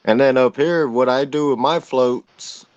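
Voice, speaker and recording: A man's voice: mid-range voice, measured pace, darkish tone, no room sound. An easygoing man on a video call, sharing fishing habits in a folksy, casual way. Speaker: stream guest. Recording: dull lo-fi call audio.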